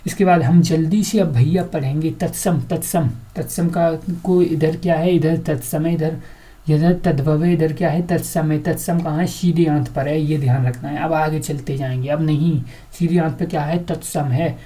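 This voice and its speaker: A woman with a low, mellow voice gives an exam-prep grammar lesson. She quizzes the class over and over and then answers her own questions. Each example word gets repeated several times. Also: fairly even intonation, normal speed. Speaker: teacher.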